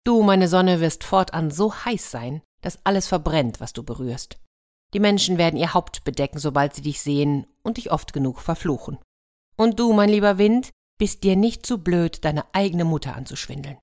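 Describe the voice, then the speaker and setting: A woman's voice: lowish voice, lively intonation, normal speed, a little mellow, natural voice. A woman voicing an old mother star who fusses over her children and scolds them. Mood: scolding. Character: old mother star, caring then stern.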